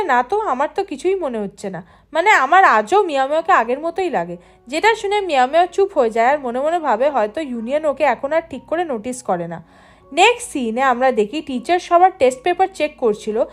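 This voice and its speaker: Woman, high voice, Bengali accent, scripted drama recap narration, steady even delivery.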